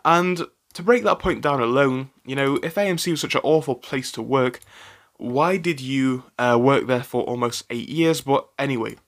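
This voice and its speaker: A man's voice: medium pitch, moderate pace. A man hosting a stock commentary channel, talking in a chatty, opinionated way with frequent fillers and restarts. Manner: chatty, animated, with frequent fillers and self-corrections.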